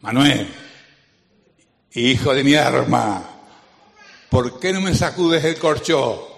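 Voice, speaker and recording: Scolding old granny, put on by a male preacher, exasperated, pitched a little higher, in a long echoing hall. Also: animated, takes it slowly, gravelly, a bit bright, heavily acted. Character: old scolding immigrant grandmother from Galicia.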